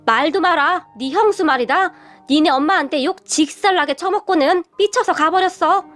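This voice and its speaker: A woman voicing an older father-in-law who speaks gravely but with glee. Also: extremely high pitch, moderate pace, a bit bright, faint music behind. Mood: gleeful. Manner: gleeful, grave.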